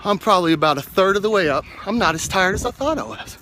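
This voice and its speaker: A man with a high-pitched, expressive voice talks quickly and encouragingly into his handheld phone while climbing outdoor steps for a motivational vlog, sounding winded. The audio is poor, with loud wind noise hitting the phone mic.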